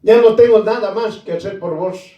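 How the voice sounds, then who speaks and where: A man preaching a sermon slowly and emphatically, repeating key phrases and calling his listeners brother. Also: sits high, echoey room, far from the mic, lo-fi sound.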